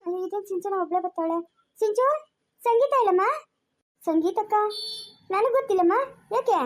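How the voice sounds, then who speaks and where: Using a very high voice at a fairly quick pace, a woman portrays a fretful village grandmother, speaking with a Chikkaballapur Kannada accent. It's a village family drama, and she alternates between anxious scolding and gentle coaxing.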